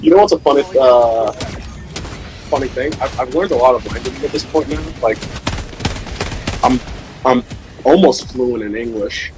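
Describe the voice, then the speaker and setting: A livestream host whose first language is Somali chats casually about language learning, explaining things in an informal, hesitant, rambling way. His mid-range voice is a little mellow, his pace moderate with frequent pauses, and the rough recording has music playing behind him.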